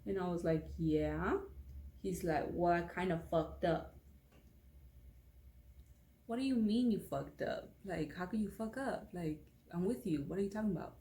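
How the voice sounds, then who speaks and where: A young woman tells a story straight to camera in a loose, rambling way, full of fillers. Her voice sits low and mellow. The room around her is echoey. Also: animated, measured pace, long pauses. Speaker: beauty vlogger. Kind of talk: casual storytime vlog.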